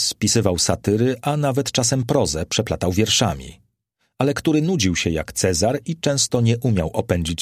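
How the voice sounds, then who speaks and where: A man's voice: lowish voice, slightly rough, dry recording, studio quality. A man voicing a worldly, ironic Roman aristocrat who speaks in a languid, wry, philosophizing way.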